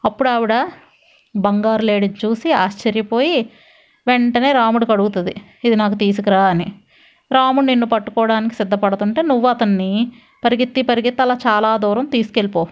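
A woman's voice: on the high side, a little fast, lightly acted. A woman voicing an arrogant male demon king who scolds and threatens in a storytelling reading. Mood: commanding. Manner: domineering, scolding. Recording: dull lo-fi recording.

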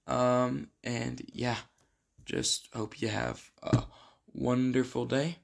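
Earnest young man with a gravelly voice. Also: mid-range voice, little pitch movement, slow. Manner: earnest, heartfelt, with restarts. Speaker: student reading a thank-you letter. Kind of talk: reading a personal letter, then off-script remarks. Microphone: recorded to camera for posting.

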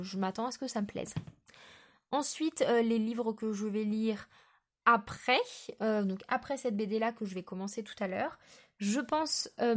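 Chatty French woman talking books. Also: a little high. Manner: chatty, many fillers and restarts. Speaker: book vlogger. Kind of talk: casual book chat.

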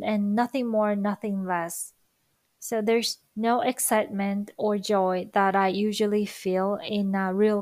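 This Japanese-accented woman, a native Japanese speaker, has a mid-range voice captured in a dry recording. Working as a language-learning vlogger, she offers viewers reflective thoughts in a slow, careful, thoughtful manner, with soft fillers.

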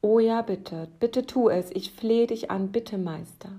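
An anxious young monk, given voice by a woman telling the story stammers and pleads with his master. His begging is earnest and urgent, yet the delivery stays slow, as in a storybook read aloud. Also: medium pitch, darkish tone, slightly rough. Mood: pleading.

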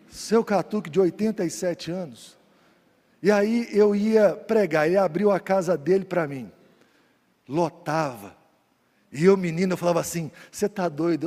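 High-voiced mineiro preacher in a reverberant hall. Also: male voice. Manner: lively storyteller, swings from loud preaching to quiet asides. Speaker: pastor. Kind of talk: storytelling sermon.

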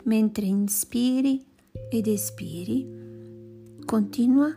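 A woman leading a guided meditation in a slow, soft voice that often sinks to a whisper. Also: fairly high pitch. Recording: music playing behind voice. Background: plucked guitar music.

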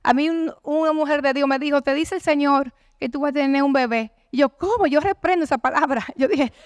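A woman's voice: high-pitched, steady tone, brisk, no echo. A middle-aged woman, giving an impassioned church testimony and acting out the prayers she quotes. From Dominican Republic. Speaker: conference speaker giving testimony.

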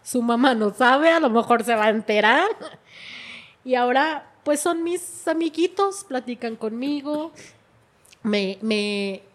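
A woman's voice: fairly high pitch, expressive, measured pace. A middle-aged woman, telling her life story in an emotional way and often repeating her words. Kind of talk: personal testimony.

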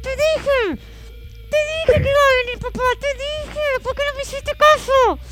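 A woman with an Argentine accent voicing an exasperated mother who scolds through clenched teeth in a high, strained voice. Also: fairly even intonation, measured pace, loud music behind the voice. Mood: hissing, scolding. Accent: Argentine Spanish.

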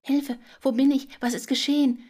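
A woman voicing a proud little female spider who pleads in a high, earnest voice in a children's audio story. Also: fairly even intonation, normal speed, faint music behind, close to an everyday voice. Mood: frightened.

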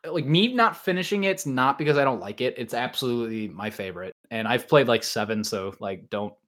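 A podcast host chats casually about visual novels and anime, often hedging his points. His mid-range voice moves fairly quickly and has a fairly bright tone.

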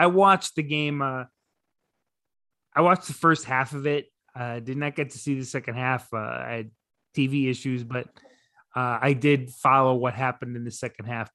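A man co-hosting a casual sports podcast, relaxed and rambling with lots of fillers and restarts. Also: medium pitch, moderate pace, no room sound, studio quality. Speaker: podcast co-host.

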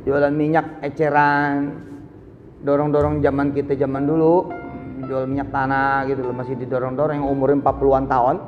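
A man preaching a live sermon, telling stories with sudden swings from low asides to high exclamations. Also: flat delivery, fairly quick, long reverb tail, dull audio, faint music behind. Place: large hall, live event.

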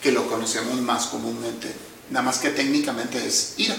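Bright-toned therapist in echoey room. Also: male voice, medium pitch, vocal fry, slight background noise. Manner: calm, measured, teacherly, often addresses listeners. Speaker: psychotherapist guest. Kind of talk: explanatory conversation. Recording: echoey room, distant mic.

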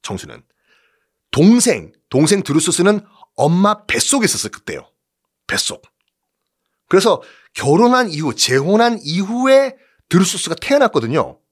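A man's voice: high voice, big pitch swings, normal speed, husky. A man hosting a history show, telling the story in a playful, theatrical way with rhetorical questions to his listeners. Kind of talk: animated history storytelling lecture.

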